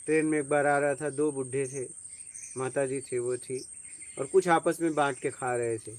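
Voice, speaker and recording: A man's voice: mid-range voice, steady tone, moderate pace. A man giving an informal spiritual talk, telling personal stories and often checking that his listeners follow. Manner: conversational, tells personal stories, asks listeners if they follow. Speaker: spiritual teacher.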